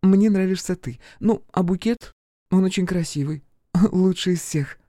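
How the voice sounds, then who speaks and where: A man's voice: high voice, measured pace, dark tone, no room sound, studio quality, pitched above the performer's own voice. A man voicing a playful, mocking young woman who sells flowers. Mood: teasing. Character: teasing young woman shop seller.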